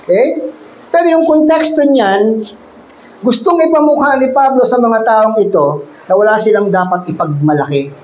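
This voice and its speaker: A man preaching as pastor, reading verses slowly, then explaining them with playful jokes. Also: high-pitched, darkish tone, echoey room, slight background noise, rough recording. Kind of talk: bilingual sermon. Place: church sanctuary.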